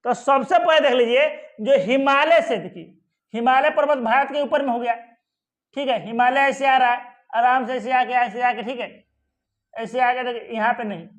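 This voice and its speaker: A man's voice: very high voice, normal speed. A male teacher giving an exam-prep geography lesson at a map, asking questions and answering them himself, with many reassuring asides. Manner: asks questions and answers them himself, repeating "ठीक है" and "आराम से".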